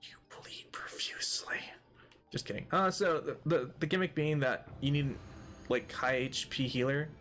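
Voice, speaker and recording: A man's voice: fairly high pitch, normal speed, fairly bright tone, soft background music. A man hosting a let's play, giving casual, rambling commentary full of jokes and talking to the game's characters. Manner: jokey, rambling, talks to game characters.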